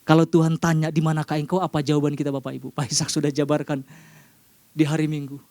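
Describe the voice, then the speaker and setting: A man with an Indonesian accent preaching a sermon to a congregation, often calling out to them and rising sharply in pitch for emphasis. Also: flat delivery, fast talker, darkish tone, no room sound.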